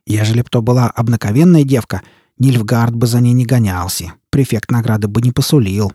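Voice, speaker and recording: A man voicing a gruff, angry male bounty hunter who barks threats. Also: medium pitch, a little fast, warm tone, dry recording, clean studio sound, lightly acted. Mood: grumbling. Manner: barking, threatening.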